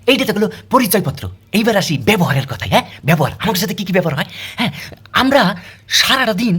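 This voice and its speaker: A man playing a husky, sarcastic stray dog. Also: sits high, a bit bright, exaggerated voice. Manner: sarcastic, full of rhetorical questions. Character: aggrieved male stray street dog. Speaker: comedian. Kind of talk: comic monologue in character.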